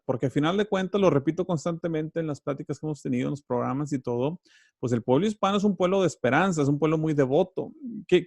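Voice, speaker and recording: A man, hosting an interview, asking long, animated and rambling questions. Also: on the high side, vocal fry, no room sound, clean studio sound. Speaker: host.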